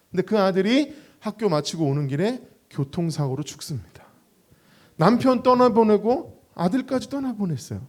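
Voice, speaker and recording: Animated, high-voiced man preaching. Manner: lively storytelling with acted quotes. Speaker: pastor and gospel singer; radio and online show host. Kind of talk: sermon at a praise concert.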